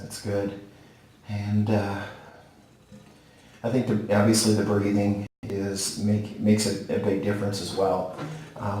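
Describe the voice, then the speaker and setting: Male vlogger, forties, mellow and fairly flat, casual halting monologue. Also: lowish voice. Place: small tiled bathroom, sitting in a bathtub. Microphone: camera or phone a short distance away. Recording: very echoey tiled bathroom.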